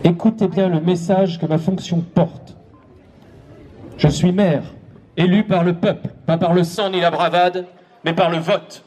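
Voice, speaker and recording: A man playing a proud, mocking mayor, with hammy, measured oratory in an improvised stage verse duel. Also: high-pitched, fairly even intonation, a little mellow, breathy edge. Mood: grandiose. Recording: outdoor show with some crowd noise.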